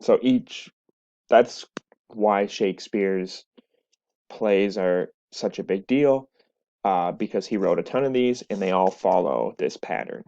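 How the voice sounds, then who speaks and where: A man's voice: fairly low pitch, darkish tone. Male teacher, recorded lecture over a webcam, slightly dull sound, patient explanations. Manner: explanatory, with frequent "right?" and "so".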